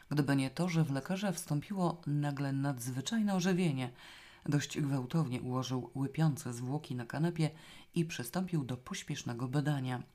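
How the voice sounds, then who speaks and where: A woman reading a novel aloud in the first person, with a wry, lively storytelling manner. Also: low-pitched. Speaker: audiobook reader. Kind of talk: scripted first-person narration.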